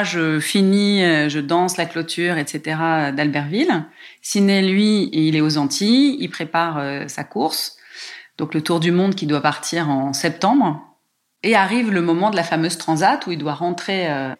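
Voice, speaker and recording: Woman telling a heartfelt personal story. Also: fairly low pitch. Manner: lively, emotional retelling with frequent hesitations. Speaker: guest telling her life story.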